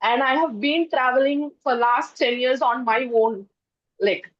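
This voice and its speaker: A woman, a workshop participant, sharing her story in an earnest, emotional, halting way over a video call. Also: high voice, no room sound, lo-fi sound.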